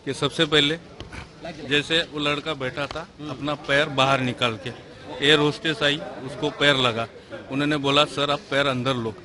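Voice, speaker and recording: A man's voice: a little high, steady tone, measured pace, crowd noise. A man, a stranded air passenger, giving a detailed, aggrieved step-by-step account in an on-the-spot news interview outside an airport terminal.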